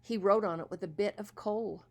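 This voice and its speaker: A woman reading a children's story aloud as storyteller, expressive and asking the young listeners questions. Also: mid-range voice, normal speed.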